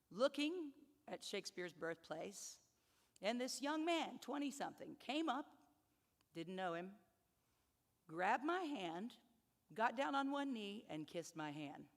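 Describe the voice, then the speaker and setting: A woman in her fifties giving a speech to new students, telling personal stories in an animated, humorous way. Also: medium pitch, moderate pace, big-room sound. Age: 50s. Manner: storytelling, animated, laughs at her own stories. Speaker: convocation speaker.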